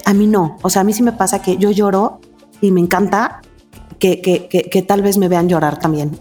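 A woman's voice: mid-range voice, mellow. A woman, a guest chatting candidly and emotionally in an interview, repeating words for stress and sounding tired. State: weary. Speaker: guest, mother of two.

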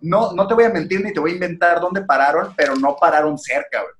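A man's voice: a little high, fast. A young man with a northern Mexican accent telling a long story in casual podcast chat, slangy and full of swearing. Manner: slangy, swears a lot, animated anecdote. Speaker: podcast co-host. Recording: echoey room.

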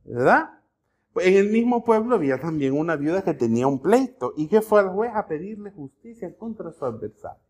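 A male pastor preaching a sermon in a conversational way, often checking in with the congregation and telling lively stories. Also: sits high, a little fast. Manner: conversational, keeps asking the congregation "¿verdad?"; animated storytelling with acted-out voices and jokes.

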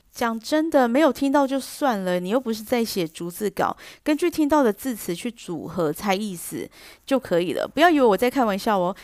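A middle-aged woman with a Taiwanese Mandarin accent talks through an English lesson, explaining each point patiently and clearly. Her voice sits at an ordinary middle pitch. The recording is dry, with no room sound. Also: no room sound. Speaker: English teacher podcast host.

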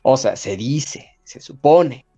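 A man's voice: medium pitch, takes it slowly, breathy edge, dull audio. A man with a Mexican accent hosting a podcast in casual, joking chat and reading out listener comments. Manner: animated, jokey, reads listener comments. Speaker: podcast host.

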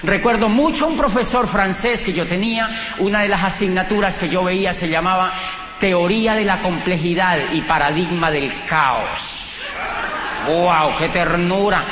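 Speaking to an audience in Colombian Spanish, a middle-aged man from Colombia shares personal anecdotes and plays out the dialogue vividly, his pitch jumping around. The talk was captured in a dull, reverberant hall with a little background noise.

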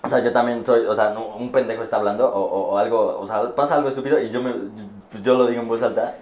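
A man's voice: medium pitch, steady tone, fast, darkish tone. Young guy, student, chatting casually, stumbles a lot, echoey room. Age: young adult. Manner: hesitant, many fillers and restarts. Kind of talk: casual chat.

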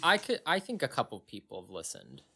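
A man co-hosting a casual podcast in a playful, teasing way. His voice is bright and crisp, and his pitch swings widely as he talks. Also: huge pitch swings, a little fast. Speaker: podcast co-host. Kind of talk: casual chat.

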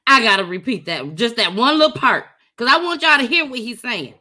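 A woman's voice: on the high side, animated, brisk, sharp tone. A woman co-hosting a podcast in casual chat, blunt and emphatic, repeating points for her listeners. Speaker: podcast co-host.

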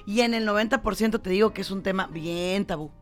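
A woman's voice: mid-range voice, quick pace, soft background music. A woman, a psychologist on a casual talk show, teasing her co-host and giving frank advice to viewers. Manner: lively, teasing, gives advice directly to viewers.

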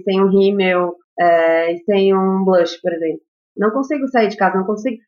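A woman guest on a podcast, talking candidly in a casual chat, with many pauses and fillers. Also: medium pitch, muffled recording.

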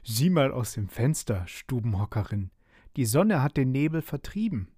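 A man's voice: mid-range voice, sing-song, moderate pace, warm tone, slightly rough, no room sound, clean studio sound. A man voicing an amused mother in a bedtime storybook, teasing her daughter.

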